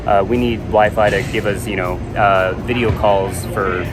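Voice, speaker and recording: A man's voice: fairly low pitch, steady tone, normal speed, over music. A man co-hosting a travel vlog, chatting casually and informally as he answers viewer questions. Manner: informal, occasional swearing.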